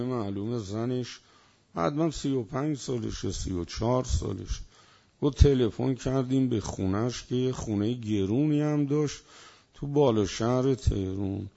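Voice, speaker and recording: Dark-voiced preacher. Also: male voice, medium pitch. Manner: stretches out listed words for emphasis. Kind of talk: sermon. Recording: dull lo-fi recording.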